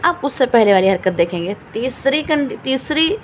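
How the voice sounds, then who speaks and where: A woman teaching Quran recitation rules step by step, patiently repeating each example slowly and asking questions she then answers. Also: a little high, lively intonation, slight background noise, rough recording. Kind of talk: step-by-step Quran reading lesson.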